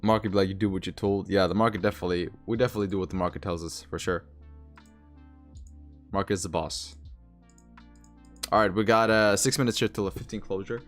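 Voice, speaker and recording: This young trading streamer, from Sweden but originally Eastern European, speaks in a learned American accent as he reads comments. His deep voice is fast yet fairly even, broken by long pauses, peppered with slang and repeated phrases, with faint music behind.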